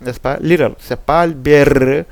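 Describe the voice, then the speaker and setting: Slow, gravelly male pronunciation teacher. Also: on the high side, fairly even intonation, dry recording. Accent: West African French. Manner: slow, repeating example words many times; frequent hesitation fillers. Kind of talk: French-language pronunciation lesson on English sounds.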